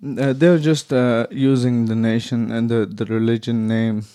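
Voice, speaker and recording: A man speaks slowly and haltingly, often pausing as he searches for words. His voice is mellow and soft, and it sounds dry and close, with no room sound. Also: mid-range voice, flat delivery, clean tone, no room sound. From Afghanistan. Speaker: interviewee. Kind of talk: interview answers in English.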